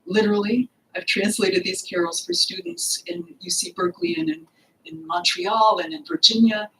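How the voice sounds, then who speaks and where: An older woman with a gravelly, mid-range voice speaks at a podium microphone, presenting her own book in a lecture at a launch event. She sounds earnest and expressive, pausing often and using fillers, in an indoor library hall lined with bookshelves. The recording is rough.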